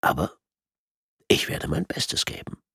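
Man whispering as a calm sadistic torturer. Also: dry recording, studio quality. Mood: quiet menace. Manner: soft, menacing whisper, slow and deliberate. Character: calm sadistic male torturer posing as surgeon.

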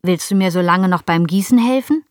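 A woman voicing a kindly old male gardener in a storybook reading, speaking gently and slowly. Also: fairly low pitch, dry recording, studio quality, lightly acted.

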